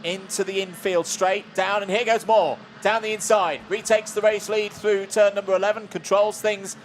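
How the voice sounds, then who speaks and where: Male motorsport commentator, high-pitched, following live action conversationally over audible trackside engine noise. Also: steady tone, normal speed. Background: outdoor race track ambience with vehicles.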